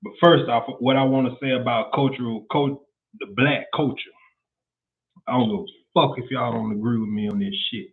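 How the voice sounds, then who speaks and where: A man's voice: mid-range voice, fairly even intonation, normal speed. Blunt Southern man on a phone-like line. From Central Florida, US South. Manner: blunt, profane, frequent "you know what I'm saying". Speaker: podcast host. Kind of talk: casual podcast monologue. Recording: tinny phone-like sound.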